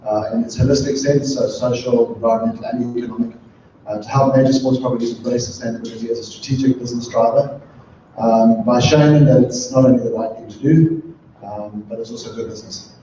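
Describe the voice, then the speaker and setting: A middle-aged man from southern Africa, speaking as a panel guest and often pausing with ums and restarts. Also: mid-range voice, fairly even intonation, mellow, a little hiss or hum. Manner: thoughtful, many ums and restarts. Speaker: panel guest, sustainability consultant. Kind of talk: talk at a live event. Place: event room with an audience. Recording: echoey, distant, muffled room recording.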